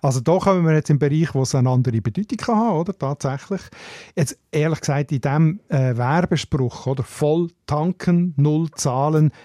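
A man with a Swiss German accent, a linguist talking through language questions in a relaxed radio conversation, often checking in with a questioning "oder?". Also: a little high, fast talker, no echo, studio quality. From Switzerland. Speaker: linguist on a radio dialect show.

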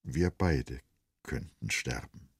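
A man's voice: rumbling low, slow pace, husky, no echo, clean studio sound, pitched below the performer's own voice, full character voice. A man voicing an earnest, devoted young village man in an audiobook, speaking in a reassuring way. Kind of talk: audiobook character voice.

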